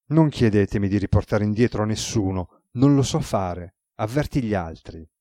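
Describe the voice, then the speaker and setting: A man reading a novel aloud voices a weary, ironic male god who speaks in a relaxed, teasing way and sounds amused. His voice is low and mellow at a normal speed, lightly acted, and the recording is close and dry with no echo.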